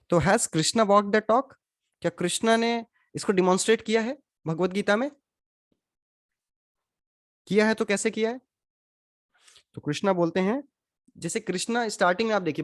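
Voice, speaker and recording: A man leads a scripture class in a steady, conversational voice. He keeps asking his listeners questions and drops English phrases into his explanations. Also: sits high. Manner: questions the audience, mixes in English. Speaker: spiritual teacher. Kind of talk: Gita class lecture.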